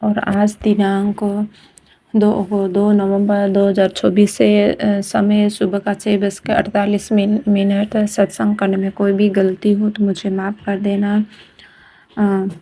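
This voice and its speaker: A woman sharing a devotional testimony with the congregation, halting often, starting sentences over and chanting mantras. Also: mid-range voice, monotone, mellow. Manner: halting, with many fillers and restarts, addressing the congregation.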